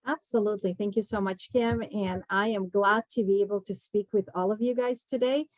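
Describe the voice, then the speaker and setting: A woman from Kazakhstan, a recruiting executive appearing as a guest speaker, gives students a conversational career talk, explaining things to them directly. Her mid-range voice is steady and a little fast. There's no echo, but the audio quality is poor.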